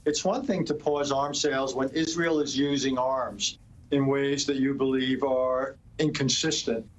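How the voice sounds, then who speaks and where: A man appearing as a foreign policy expert guest, answering bluntly with halting restarts. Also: medium pitch, fairly even intonation, rough recording. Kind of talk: interview answers.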